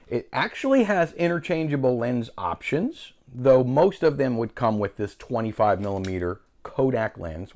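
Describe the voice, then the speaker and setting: Male tutorial host, lively intonation, chatty and self-correcting, demonstrating gear. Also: lowish voice. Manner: chatty, explains while handling a camera, self-correcting. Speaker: filmmaking channel host.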